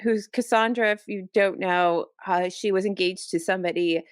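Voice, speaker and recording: Podcast co-host, woman, middle pitch, animated exasperated rant, close dry mic. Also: moderate pace, clear, resonant tone, no echo. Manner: animated, exasperated ranting with many restarts. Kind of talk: casual chat.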